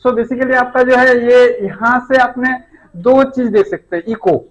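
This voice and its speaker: Male physics teacher, middle-aged, fairly high voice, patient step-by-step explainer. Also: a little slow, rough recording. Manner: explains step by step, often checks with "है ना?". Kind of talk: classroom lecture.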